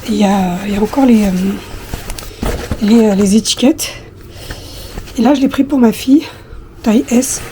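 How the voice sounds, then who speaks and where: A woman in her thirties with a husky, slightly hoarse voice, chatting casually to her viewers with many hesitations. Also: fairly high pitch, normal speed, pauses often, background noise. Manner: hesitant, many fillers, talks directly to viewers. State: hoarse after flu, coughing. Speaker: lifestyle vlogger.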